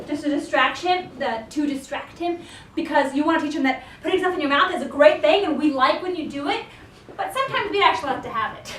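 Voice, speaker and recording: A woman's voice: high voice, distant mic, slight background noise. A woman training a young puppy, giving short cheerful commands and praise, then explaining each step. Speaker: dog trainer. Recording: roomy sound, away from the mic.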